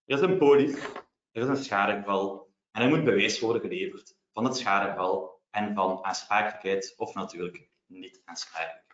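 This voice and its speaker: A man with a Belgian Dutch accent lectures on legal matters, explaining each point in a measured, step-by-step way with practical examples. His voice has a mid pitch. The webinar audio is roomy and somewhat muffled. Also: fairly bright tone, a little hiss or hum. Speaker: lawyer presenting.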